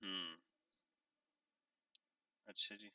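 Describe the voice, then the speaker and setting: A man teaching a vocabulary lesson, asking questions and answering them himself, repeating key words and clearing his throat now and then. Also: sits low, wildly swooping pitch, sharp tone, no echo, studio quality, distant mic. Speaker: English teacher.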